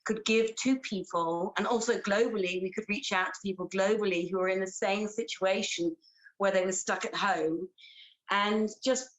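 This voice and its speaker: A woman's voice: mid-range voice, fairly even intonation, normal speed, poor audio. An English-accented woman, a theatre director and actress, chatting in an interview and laughing often. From Britain. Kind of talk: casual interview chat.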